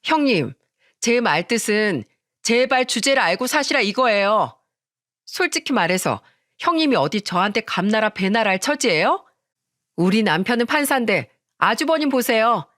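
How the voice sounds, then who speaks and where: A woman voicing a haughty young wife who mocks her in-laws in a shrill, condescending way for a narrated story. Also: sing-song, moderate pace, a bit bright, dry recording, clean studio sound. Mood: sneering. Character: haughty young judge's wife, arrogant sister-in-law.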